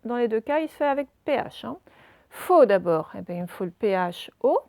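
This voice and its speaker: A woman leads a dictation lesson and breaks each word into syllables and letters. Her voice sits fairly high. The recording is dry and close, with no room sound. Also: animated, dark tone, no room sound. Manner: slow, spelling out words letter by letter. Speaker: primary school teacher.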